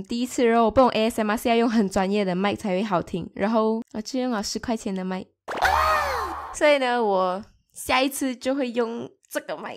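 A young woman doing a casual, rambling and playful vlog voice-over, mixing in English words. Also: fairly high pitch. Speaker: video creator.

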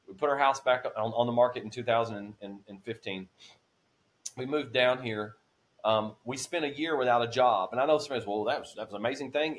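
A man in his forties on a podcast, telling a personal faith testimony with earnest feeling, his voice rising when he is moved. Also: mid-range voice. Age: 40s. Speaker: podcast guest. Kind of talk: emotional testimony.

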